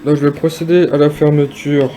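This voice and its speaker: A man casually demonstrating and reviewing a piece of gear, speaking hesitantly with frequent pauses and fillers. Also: a little high, little pitch movement, warm tone. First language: French. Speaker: product reviewer.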